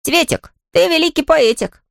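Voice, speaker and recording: Dunno, a high cheeky little boy. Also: normal speed, creaky, dry recording, clean studio sound, full character voice. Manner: coaxing, flattering, high and boyish. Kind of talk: storybook reading.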